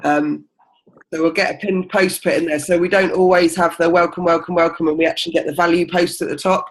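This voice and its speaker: A woman's voice: fairly low pitch, flat delivery, brisk, rough recording. Woman, team leader, casual meeting chat, encouraging, lots of ums. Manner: chatty and encouraging, with many ums. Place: indoor group meeting.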